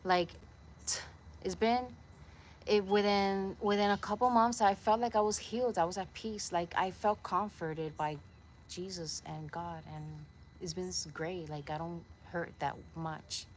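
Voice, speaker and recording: A woman's voice: on the low side, steady tone, a little slow, a little hiss or hum. A young woman from Puerto Rico talking to a camera set nearby in her backyard, earnest and a little preachy as she rambles. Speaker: vlogger. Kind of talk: casual talk to camera. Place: backyard outdoors.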